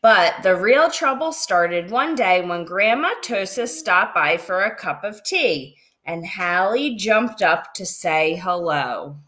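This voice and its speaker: A woman reading a children's picture book aloud as a storyteller, with expressive, drawn-out dramatic phrasing. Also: fairly low pitch.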